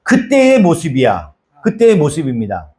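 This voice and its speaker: A man's voice: a little high, wildly swooping pitch, moderate pace, mellow. A man preaching a sermon in a conversational, repetitive style, acting out quotes as he explains scripture. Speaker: pastor.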